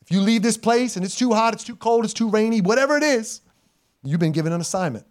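A middle-aged male pastor preaching a sermon in church, moving from loud, emphatic exhortation to quiet, intimate asides, with informal slang. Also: sits high, lively intonation, quick pace. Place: church sanctuary. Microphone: live stream church mic.

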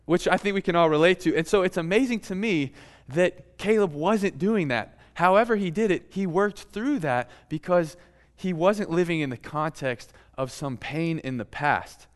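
Guy preaching to his church, super casual and chatty, smooth clear voice, kinda high. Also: normal speed. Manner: casual, conversational preaching with playful asides. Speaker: pastor. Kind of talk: sermon.

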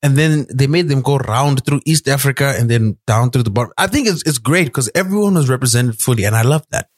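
A man's voice: medium pitch, animated, fairly quick, no room sound, clean studio sound. A man from Zimbabwe co-hosting a casual chat, playful and teasing with jokey asides. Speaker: podcast co-host.

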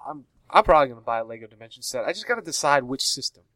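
A man chatting casually about video games, talking loosely with lots of fillers and quick laughs. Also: medium pitch, sing-song, fairly bright tone. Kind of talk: casual gaming chat.

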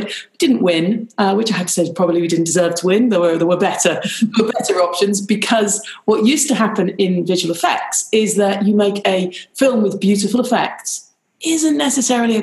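A middle-aged woman with a British accent, from Ireland but raised in Pakistan and Nigeria, chats animatedly as a business strategist guest in a video-call interview. Her medium-pitched voice is creaky and sounds roomy, and she keeps saying "rather lovely."

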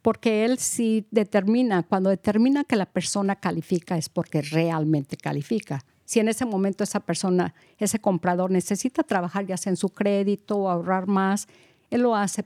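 A woman real estate agent, a guest in an interview, speaking with slow emphatic phrasing. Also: medium pitch, warm tone, dry recording, clean studio sound.

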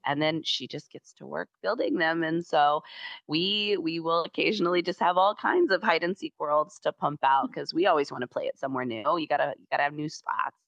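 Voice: medium pitch, brisk, vocal fry, fairly bright tone, dry recording, muffled recording. An event organizer in casual chat, rambling with many fillers and self-corrections.

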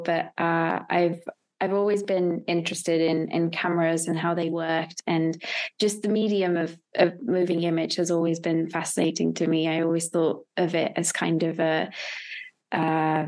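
A young Hungarian woman, an experimental filmmaker, answers interview questions casually as a guest, sounding thoughtful and hesitant while she searches for words. Her voice is on the low side and a little mellow.

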